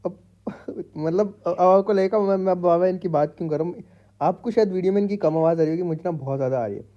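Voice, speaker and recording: A gaming YouTuber with a high voice talks fast and jokes around as he narrates gameplay for his channel, speaking directly to his viewers. He's recording at home in a room with pet parrots, and the audio comes through muffled.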